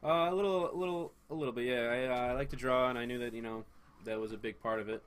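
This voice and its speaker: A man's voice: mid-range voice, steady tone, quick pace, fairly bright tone, clean tone. A young man, a student guest, chatting casually and telling rambling, self-deprecating stories. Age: young adult. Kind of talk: casual chat.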